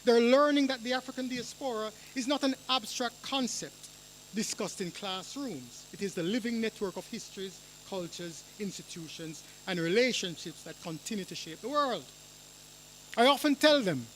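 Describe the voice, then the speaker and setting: A man giving a formal academic speech at a forum. He speaks in a measured, rhetorical way, with touches of dry humor. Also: high voice, fairly bright tone, slight background noise, rough recording. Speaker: university professor giving a speech. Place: lecture hall or forum room.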